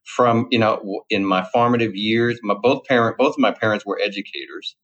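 A man's voice: on the low side, a little fast, a bit bright. A middle-aged man from Louisiana with a Cajun accent, a guest chatting casually, rambling and repeating his words. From Louisiana, USA. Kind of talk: casual interview talk. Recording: dull lo-fi sound.

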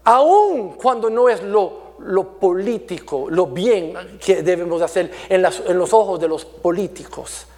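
A man delivers a sermon in a high, light voice at an unhurried, deliberate pace. He is earnest and often restarts or repeats words. His delivery swings between raised, emphatic passages and hushed ones. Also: animated. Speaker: preacher.

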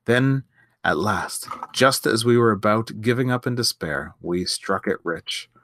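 Guy doing a steady young man telling his tale in an old storybook, lowish voice, dry sound. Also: measured pace, no echo. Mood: earnest. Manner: sober, earnest. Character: sturdy young man, warm big brother.

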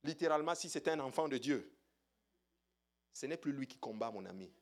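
A man's voice: medium pitch, expressive, a little fast. A man preaching a sermon, exclaiming and punctuating his points with hallelujahs.

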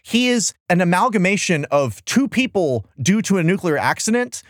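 An American man talks casually like a podcast host, joking with sarcastic disbelief. His voice is fairly high and very animated, swinging up and down. The sound is close and dry. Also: normal speed, no room sound. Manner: sarcastic, incredulous, profane joking. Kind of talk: casual comedic chat about old cartoons.

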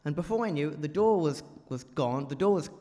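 A man's voice: fairly high pitch, lively intonation, a little fast, mellow. A man giving a chatty, joking talk to a church congregation and quizzing the audience as he speaks. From England. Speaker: guest preacher. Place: large church. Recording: reverberant church hall.

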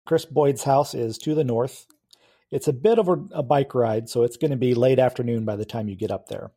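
A man narrating as game master of a tabletop role-playing game, describing scenes at an easy pace with filler pauses. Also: mid-range voice, mellow, slightly rough.

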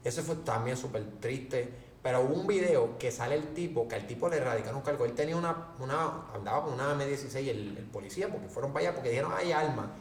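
A man with a Puerto Rican accent hosting a casual podcast, telling stories with lively quoted voices. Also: medium pitch, fast, distant mic. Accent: Puerto Rican Spanish. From Puerto Rico. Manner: animated storytelling, acts out quotes in raised voice. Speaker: podcast host. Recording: echoey room, faint background noise.

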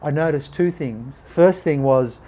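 A man's voice: a little high, a little slow. A man, a podcast guest telling a personal story and acting out the voices of people in it. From Australia. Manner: animated, acts out quoted voices.

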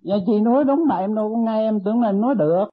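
A husky woman in her sixties pours out her worries to her teacher, hesitant and deferential, tripping over repeated words. The voice is breathy and worn. It comes through a thin, tinny, phone-like recording. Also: mid-range voice, rapid-fire. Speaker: meditation disciple. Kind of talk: asking a teacher for advice. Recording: tinny lo-fi tape.

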